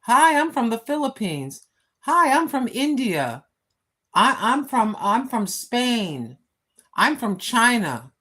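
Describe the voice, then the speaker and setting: Seated at home with a phone for a mic, this American woman in her sixties rambles through a casual live stream, filling her talk with fillers and addressing her viewers directly. Her voice sits a little high, very animated yet unhurried, sounding pushed, bright and husky.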